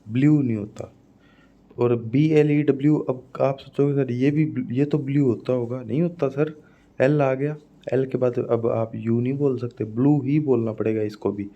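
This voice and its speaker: A man's voice: mid-range voice, lo-fi sound. A male English teacher with a Rajasthani Hindi accent, giving an exam-prep phonetics lesson and repeating each word with "है ना" checks. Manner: explains by repeating words and asking "है ना".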